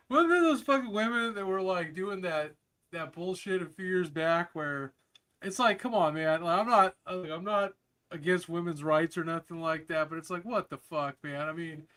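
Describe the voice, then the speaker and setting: Casting: high-pitched male co-host, blunt, swears freely, loose banter. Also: normal speed, pushed and bright. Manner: profane, blunt, laughs often. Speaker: podcast co-host. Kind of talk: casual chat.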